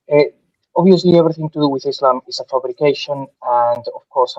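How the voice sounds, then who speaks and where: A man's voice: on the high side, darkish tone, no echo. A man speaks bluntly and emphatically in a casual online discussion, heard through a muffled headset mic that sounds underwater. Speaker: panel guest.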